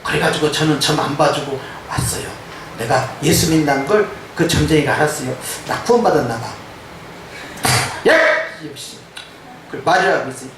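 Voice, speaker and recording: A male pastor delivering a lively sermon, acting out voices he quotes, with a touch of Jeolla dialect. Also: a little high, normal speed, noisy background. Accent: Korean, some Jeolla dialect. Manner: animated preaching, mimicking quoted voices. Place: church sanctuary. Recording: echoey church hall from far off.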